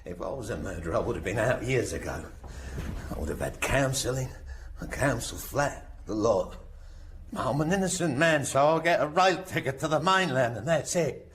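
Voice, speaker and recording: An actor playing a bitter released prisoner. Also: male voice, medium pitch, animated, normal speed, a bit bright, a little hiss or hum, lightly acted. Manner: resentful, grumbling. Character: bitter middle-aged man just freed from prison. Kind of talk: radio drama acting.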